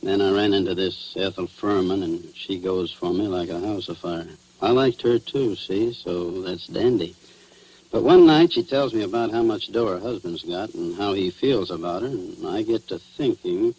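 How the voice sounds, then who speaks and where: A deep, slightly mellow male voice at normal speed portrays a crooked policeman, cynical and slangy, ruefully confessing to a murder. It is done in 1940s radio drama style, and the recording is noisy with a hum.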